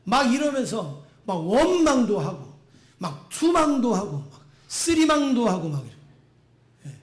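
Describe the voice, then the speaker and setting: Pastor guy preaching, kinda high voice, says stuff twice for emphasis, church echo all around. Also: very animated, unhurried. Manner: emphatic, repeats phrases for stress. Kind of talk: sermon. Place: church sanctuary. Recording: echoey church room.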